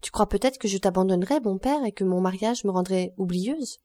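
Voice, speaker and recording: A woman's voice: medium pitch, a little fast, dark tone, no room sound, close to an everyday voice. A woman reading an audiobook, voicing an earnest young woman who speaks anxiously and affectionately to her grandfather. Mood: pleading.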